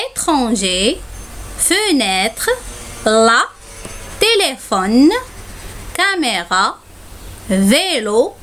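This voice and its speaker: A woman teacher walks through a spelling lesson at an unhurried pace, her pitch rising and falling a lot. She spells out words one at a time and leans on "alors" as she explains. A faint hiss runs under the recording. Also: a bit bright. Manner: slow, careful dictation of single words; repeats "alors" often. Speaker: French teacher.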